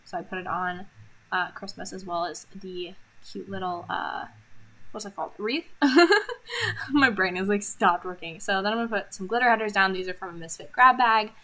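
Bright-voiced woman rambling through a planner. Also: mid-range voice, animated, moderate pace, poor audio. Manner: chatty, giggly, rambling with many ums. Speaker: vlogger. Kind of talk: casual planner voice-over.

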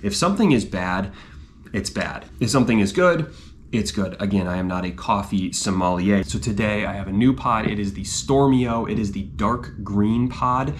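Chatty low-voiced man vlogging. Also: moderate pace, noisy background. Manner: chatty and self-deprecating. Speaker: running vlogger. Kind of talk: casual vlog chat.

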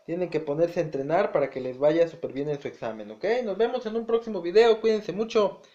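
A man's voice: a little high, animated, brisk, warm tone. A man teaching an exam-prep lesson in a chatty way, repeating words and checking in with "ok?". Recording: echoey room, dull lo-fi sound.

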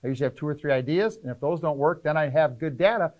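A middle-aged man, a fishing charter captain, explaining trip planning in casual, energetic interview talk in an indoor tackle shop. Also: fairly high pitch, lo-fi sound. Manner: energetic, gestures a lot, lists points rapidly.

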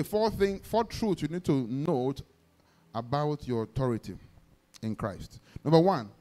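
A man with a Nigerian accent, a pastor preaching a sermon, telling stories with acted-out dialogue and leading the congregation in call-and-response declarations. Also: medium pitch. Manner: exclamatory, peppers talk with praise shouts; vivid storytelling, acts out dialogue.

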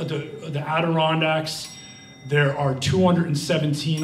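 A man's voice: medium pitch, slight background noise. A young man from Vermont answering audience questions at a library talk, full of fillers and restarts. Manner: rambling, many fillers and restarts. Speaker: guest speaker. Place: library event room. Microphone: handheld mic. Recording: roomy sound from far off.

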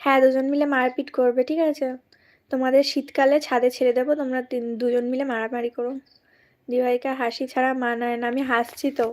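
A woman from West Bengal chatting casually with viewers during a live stream. She has a cold and speaks softly and slowly. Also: high voice, level tone. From West Bengal, India.

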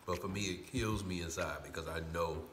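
A man's voice: low voice, brisk, roomy sound, music in the background. A man hosting an eating video, telling a laid-back, colloquial story and often repeating "you know what I'm saying". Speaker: mukbang host.

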